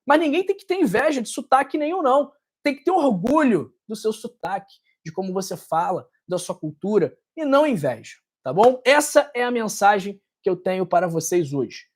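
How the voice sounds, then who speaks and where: A woman's voice: medium pitch, very animated, moderate pace, hardly any pauses, darkish tone. A woman hosting a health video channel, speaking directly and emphatically to her viewers as she signs off. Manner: emphatic, insistent sign-off.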